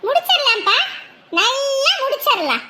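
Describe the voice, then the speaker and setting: A woman's voice: extremely high pitch, sing-song, normal speed, background noise. An actress playing an anxious, self-pitying village mother, scolding and lamenting in a drama.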